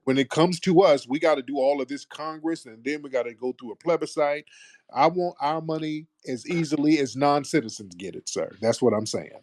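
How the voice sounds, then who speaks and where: A man's voice: a little high, brisk, a little mellow, no room sound. Assertive American man hosting, dry close sound. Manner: assertive, probing. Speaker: host of a live call-in talk show. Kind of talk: casual debate.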